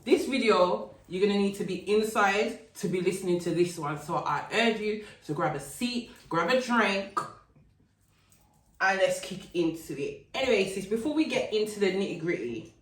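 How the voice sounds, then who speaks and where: A woman's voice: medium pitch, animated, moderate pace. A woman hosting a casual chat, playful and chatty, eating while she talks, recorded outdoors. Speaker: host. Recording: roomy sound from a distant mic.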